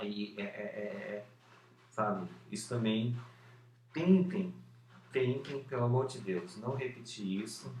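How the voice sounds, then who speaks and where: A man speaks slowly and deliberately to a camera, now and then repeating a syllable and leaning on fillers. His voice sits some way from the mic in a roomy indoor space. A faint hum of outside noise runs underneath. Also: on the low side, far from the mic. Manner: slow, with occasional repeated syllables and many fillers. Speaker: former stutterer sharing his method. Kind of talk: unscripted talk to camera. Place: indoor room with an open window and street noise.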